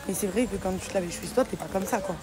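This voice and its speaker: A woman's voice: medium pitch, racing. A young woman vlogger and mother chatting casually to camera, repeating words and using many fillers. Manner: chatty, repeats words, fillers, warm toward her daughter.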